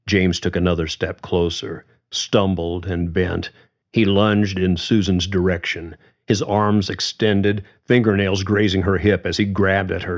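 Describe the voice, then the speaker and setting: Deep, slow-reading male narrator. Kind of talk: fiction reading. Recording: slightly dull, muffled audio.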